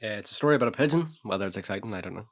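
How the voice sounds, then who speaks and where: A man's voice: lowish voice, expressive, very fast. A man co-hosting a casual news chat, reading a story aloud with dry remarks. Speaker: podcast co-host.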